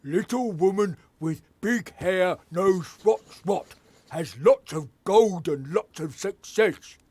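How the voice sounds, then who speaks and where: An actor playing a dim-witted male troll worker who speaks in broken grammar, slow and simple. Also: high voice, lively intonation, a little mellow, husky, dry recording, heavily acted. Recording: game audio with faint music.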